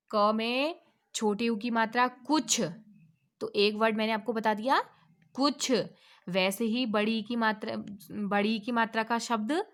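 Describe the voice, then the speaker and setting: A woman teaching an alphabet lesson to children, asking questions and answering them herself, drawing out each letter slowly. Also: fairly high pitch. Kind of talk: online Hindi lesson for children.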